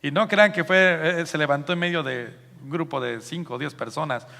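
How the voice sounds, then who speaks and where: A man with a Mexican Spanish accent preaching a sermon as a pastor, lively and joking, loudly acting out the quotes he reads. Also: on the high side, moderate pace, creaky, long reverb tail. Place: church hall.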